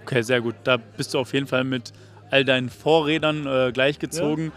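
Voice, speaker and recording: A man conducts casual interviews outdoors at a summer party. He talks in a relaxed, loose way, full of fillers. Faint music drifts in the background. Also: mid-range voice, fairly quick. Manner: relaxed, filler-heavy questioning.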